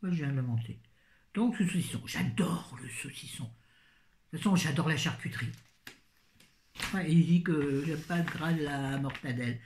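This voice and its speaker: A woman's voice: low voice, moderate pace, darkish tone, slight background noise. A middle-aged woman chatting casually through a grocery haul, rambling with self-mocking asides. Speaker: vlogger. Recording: echoey room.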